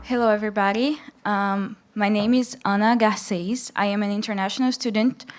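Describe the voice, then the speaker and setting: A young adult student from Brazil, a native Portuguese speaker with a Brazilian accent, speaks and reads aloud to an audience at a public read-in. Her mid-range voice holds a steady tone at normal speed, with soft music playing in the background.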